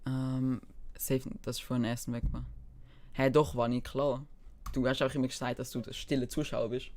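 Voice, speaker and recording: A man's voice: medium pitch, level tone, normal speed, darkish tone. A man with a Swiss German accent chatting casually on a live game stream, half talking to himself and half answering chat. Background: keyboard typing and mouse clicks.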